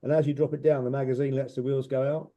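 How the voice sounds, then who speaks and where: A man's voice: mid-range voice, flat delivery, fast, dull audio. A man giving casual, informal technical explanations as a specialist answering questions, step by step.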